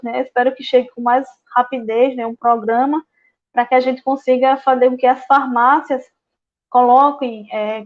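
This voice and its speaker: A woman giving a slide presentation at a public event, with many filler words and halting restarts. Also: sits high. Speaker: guest speaker on waste management. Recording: dull lo-fi sound.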